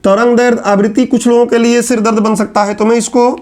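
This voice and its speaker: A man's voice: very high-pitched, flat delivery, fast talker, a little mellow. A male teacher giving a classroom lecture, explaining step by step and answering his own questions as he writes on a board.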